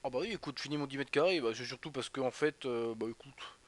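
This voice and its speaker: Talking fast at a medium pitch, a young man from northeastern France streams live on Twitch, loosely commenting on a football match. He rambles and chats, speaking to viewers by name.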